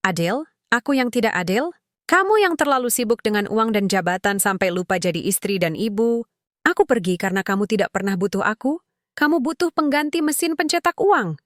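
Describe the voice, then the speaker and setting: A woman's voice: a little high, animated, fairly quick, a bit bright, no room sound, studio quality, pitched above the performer's own voice. A woman voicing an arrogant, scornful man who talks in a mocking, sneering way, read as a story. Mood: angry scorn. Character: arrogant scornful man, the girl's estranged father.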